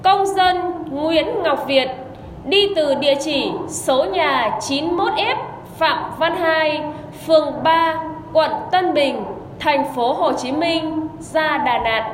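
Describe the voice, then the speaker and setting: A woman reading a formal, measured official announcement as a commune radio announcer over a public loudspeaker. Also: high-pitched. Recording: echoey loudspeaker, long reverb, background noise.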